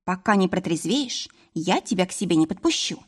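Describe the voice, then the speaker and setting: A woman's voice: lowish voice, animated, fairly quick, slightly rough. A woman reading an audiobook, voicing a young pregnant wife who teases and scolds her husband. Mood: stern. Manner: teasing and scolding. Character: young pregnant woman, sharp-tongued but tender. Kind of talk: audiobook character voice.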